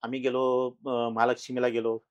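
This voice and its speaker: A middle-aged man tells his own ghost experience as a podcast guest, talking casually with many pauses and restarts and growing louder at the tense moments. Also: medium pitch, monotone, clear, resonant tone, highs cut off. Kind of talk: casual storytelling in an interview.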